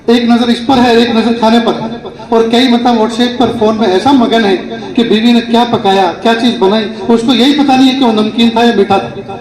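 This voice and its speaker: High-voiced male preacher in an echoey hall. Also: steady tone, a little mellow. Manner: conversational storytelling, acting out family dialogue. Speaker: Islamic preacher. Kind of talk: sermon. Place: gathering hall with a live audience. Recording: echoey hall with crowd laughter. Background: audience laughter.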